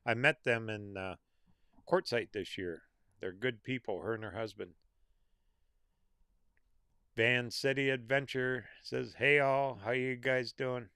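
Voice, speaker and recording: Male live host, casual and unhurried, answering viewer questions in a dry, close sound, voice getting tired. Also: mid-range voice, fairly even intonation, sharp tone, clean tone, no room sound. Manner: reads out viewer names and comments with small laughs. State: losing his voice. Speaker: livestream host reading viewer comments.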